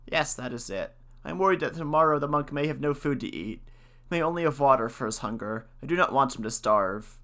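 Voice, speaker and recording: A man's voice: mid-range voice, a little fast, pushed and bright. A man voicing a worried, devout old woman who pleads anxiously with her husband in a storybook reading.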